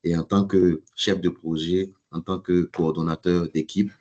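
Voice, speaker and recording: A man giving formal opening remarks at an online webinar, speaking deliberately with hesitations and repeated words. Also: deep voice, level tone, warm tone, muffled recording.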